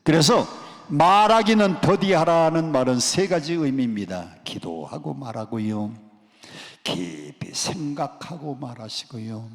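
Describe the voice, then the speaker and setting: A man's voice: medium pitch, lively intonation, vocal fry. A male pastor preaching a sermon, leading the congregation in call-and-response. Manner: call-and-response preaching, drawn-out emphatic lines. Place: church sanctuary at a prayer retreat. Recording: long church hall reverb.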